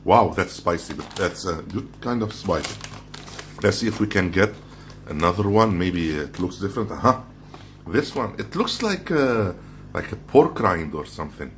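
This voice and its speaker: With lively intonation and a moderate pace, this low-voiced man gives an offhand food review vlog, crunching on chips and handling them while he speaks. He comes from somewhere outside the Philippines. Noticeable background noise fills the recording.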